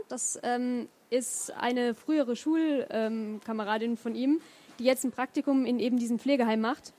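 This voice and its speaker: Brief: slightly high-voiced woman, first-person novel reading, hesitant between passages. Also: darkish tone. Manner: hesitant fillers when talking freely. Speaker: reader of a novel. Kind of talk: reading a novel aloud with comments.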